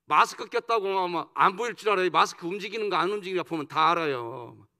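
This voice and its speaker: A man's voice: high-pitched, animated, quick pace, pushed and bright. A male senior pastor preaching a sermon, leading the congregation in call-and-response and teasing them playfully. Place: church sanctuary.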